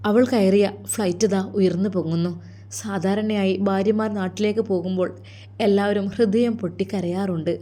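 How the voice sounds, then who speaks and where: Woman, emotive dramatic narration, dark warm voice, mid pitch. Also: steady tone, moderate pace. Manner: emotive, earnest. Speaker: storyteller.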